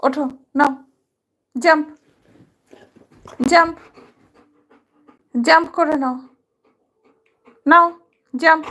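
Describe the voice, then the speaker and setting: A woman's voice: high-pitched, fairly even intonation, drawn-out words, pauses often, sharp tone. A woman talking playfully to her pet dog, coaxing it with short repeated commands. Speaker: dog owner.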